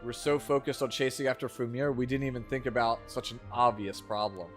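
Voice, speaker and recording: A man's voice: medium pitch, steady tone, brisk, pitched below the performer's own voice, lightly acted. A man doing amateurish voice acting as a stern, curt fugitive in fantasy game dialogue, reading it aloud. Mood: terse, reproachful. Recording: loud game music behind.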